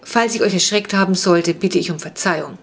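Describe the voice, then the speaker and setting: Reading aloud from a storybook, a woman speaks fairly quickly in a husky, lowish voice. Her character is a courteous, noble-born half-vampire boy who talks in stiff, courtly, antiquated phrases, audiobook style.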